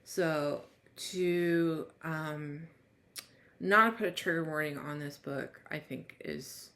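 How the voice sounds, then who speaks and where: A woman's voice: low-pitched, slow pace, bright, forceful tone. A woman reviewing a book, reading its blurb aloud and then chatting loosely with many restarts. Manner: rambling, many restarts and trailing thoughts. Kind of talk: casual book review chat.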